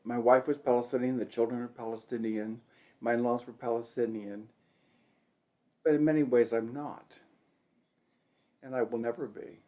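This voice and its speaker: An older man with an American accent, telling stories and reflecting plainly in a documentary interview, his sentences often trailing off softly. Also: medium pitch, steady tone, normal speed, long pauses. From United States. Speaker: teacher.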